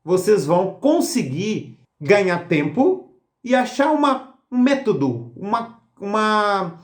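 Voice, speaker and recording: A man's voice: high-pitched, very animated, takes it slowly. A man giving a grammar lesson for exam prep, emphatic and explanatory, asking rhetorical questions. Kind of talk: recorded lesson. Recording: roomy echo.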